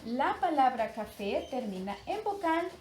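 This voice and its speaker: A woman teacher giving a recorded grammar lesson for young pupils, explaining slowly and clearly, breaking words into syllables. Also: high voice, sing-song, darkish tone, slight background noise.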